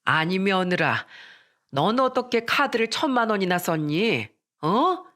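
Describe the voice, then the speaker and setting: A storyteller voicing an angry middle-aged mother-in-law who scolds her daughter-in-law in a raised, shrill voice. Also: very animated, a little slow. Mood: scolding. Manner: shrill and scolding, rising louder.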